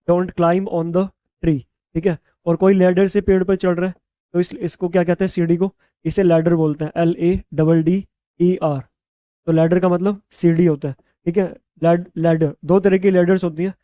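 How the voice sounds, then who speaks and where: Man, Indian accent, English teacher, smooth clear voice, dry close sound, spells words slowly. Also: sits high, dark tone, no echo. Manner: repeats "ठीक है?" after nearly every point; spells words letter by letter, slows for example sentences. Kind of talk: bilingual classroom lesson.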